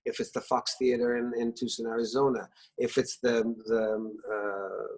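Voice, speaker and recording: A middle-aged Israeli-born man, Hebrew his first language, speaks over a video call from his living room as a singer-songwriter guest. His medium-pitched voice is flat and moves at a normal speed. He tells stories warmly but hesitantly, with plenty of restarts and fillers.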